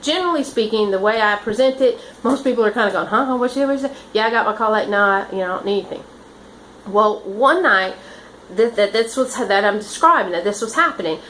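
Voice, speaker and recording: A woman's voice: medium pitch, animated, fairly quick, fairly bright tone, a little hiss or hum, low-quality recording. A woman who works as a nurse, telling her stories in a rambling, earnest way with many restarts. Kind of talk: casual storytelling.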